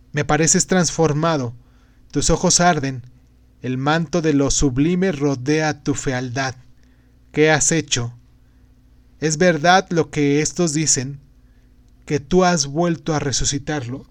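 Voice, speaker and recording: A man's voice: fairly high pitch, takes it slowly, long pauses, no echo. A man reading aloud and voicing a grave, fervent male prophet-sage in a declamatory way. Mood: questioning. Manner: declamatory, exhorting. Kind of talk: audiobook reading.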